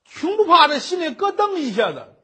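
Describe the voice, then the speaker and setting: A man telling a traditional comic story with animated, rhythmic narration and a raspy voice. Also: very high voice, moderate pace.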